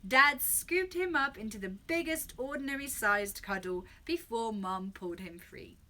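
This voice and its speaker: A woman reading a children's story aloud with expressive, animated storytelling. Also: on the high side, unhurried.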